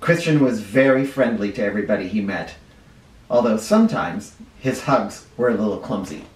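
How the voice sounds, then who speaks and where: A male first grade teacher with a lowish voice reads a storybook to children, his voice lively and rising and falling. He breaks off along the way to explain words, and the audio sounds echoey, captured from a little distance.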